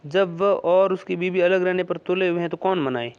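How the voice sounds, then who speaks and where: A man's voice: sits high, moderate pace, clean tone. A man voicing a firm, dismissive middle-aged village mother in a read-aloud story. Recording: dull lo-fi recording.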